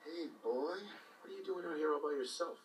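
A man's voice: a little high, fairly quick, slight background noise, lightly acted. An actor voicing a terse, determined man searching for his son, in distant game audio.

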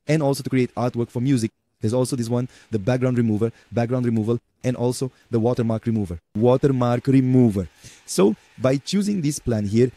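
A man with a Portuguese accent hosts a screen-recorded software tutorial in a chatty way, treating viewers as folks and peppering his talk with "okay" and "right." His voice sits mid-range, with no room sound.

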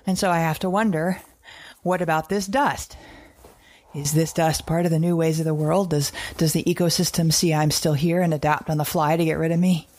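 Recorded as a journal entry in an audio drama, this monologue has an actress playing a mother who is anxious yet defiant while surviving a wild world. She speaks at normal speed in a low, steady, darkish voice, fretting and second-guessing herself in fragmented, repeated phrases.

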